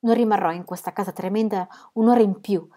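A woman's voice: fairly even intonation, quick pace, dark tone, natural voice. A woman reader voicing a panicked young woman who screams for help in a storybook reading. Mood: hysterical. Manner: shrill terrified cries.

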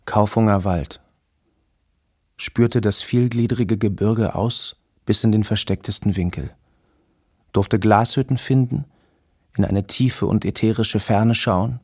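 Intense poet-wanderer, low register, literary radio feature diary reading. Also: male voice, a little mellow.

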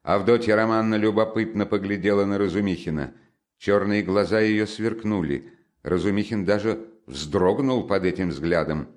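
A man reading a classic novel aloud as an audiobook narrator, measured and even. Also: on the low side.

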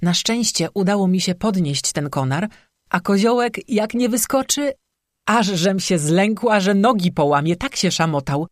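The audiobook narrator voicing a hungry young peasant wife who frets and chatters eagerly, at the narrator's own middle pitch in a dry, close recording. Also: animated, no room sound, close to an everyday voice. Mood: chatty. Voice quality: chattering, quick to fret.

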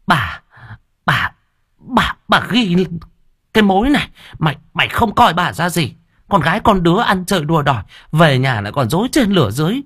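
A man's voice: sits high, a little slow, long pauses, no room sound, clean studio sound, voice pushed up. A man voicing a scheming middle-aged stepmother who screeches, wails and nags. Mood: scolding. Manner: screeching, wailing, nagging.

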